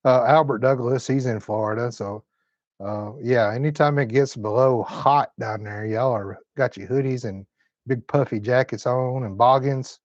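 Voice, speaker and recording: A fifty-year-old man hosting a live stream from home, chatting in an easygoing, folksy Southern manner. His voice sits at a middle pitch. The audio is dry with a slightly muffled, dull top end. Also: moderate pace, darkish tone, dry recording. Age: 50s. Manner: folksy, laid-back Southern talk. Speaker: host. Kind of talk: live-stream chat reading comments.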